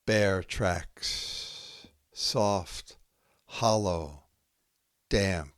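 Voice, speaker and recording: Reciting haiku line by line, a podcast host reads poetry in a low, clean voice at a very unhurried pace. He delivers measured, short phrases with pauses between them. The recording is dry, with very little room in it.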